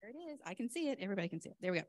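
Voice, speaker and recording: A woman presenting a rushed lightning talk at a conference, enthusiastic and chatty, often interrupting herself in a flustered way. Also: medium pitch, very animated, a little mellow, dry recording. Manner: flustered, chatty self-interruptions while juggling laptop. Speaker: conference speaker, software vendor presenter.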